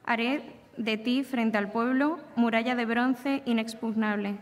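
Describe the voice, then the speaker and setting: A woman serving as lector at Mass, reading scripture and a psalm in a measured, solemn way, her voice carried by a long, church-like reverb. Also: a little high, fairly even intonation. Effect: long cathedral-like reverb. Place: large shrine chapel. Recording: echoey shrine chapel reverb.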